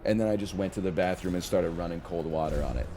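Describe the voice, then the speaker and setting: A man's voice: deep voice, quick pace, music in the background. A man in his thirties chatting casually on a live stream, telling rambling, self-mocking stories to his viewers.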